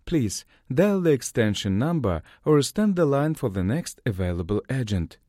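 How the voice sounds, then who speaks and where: A man reading recorded phone menu announcements in a slow, formal, evenly spaced way. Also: mid-range voice, big pitch swings, mellow, no room sound, clean studio sound. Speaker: voice-over announcer.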